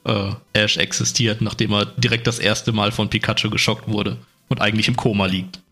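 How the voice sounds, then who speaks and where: A man's voice: on the low side, level tone, fairly quick, bright, forceful tone, soft background music. A man co-hosting a casual podcast chat, dropping dry, offbeat remarks. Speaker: podcast co-host.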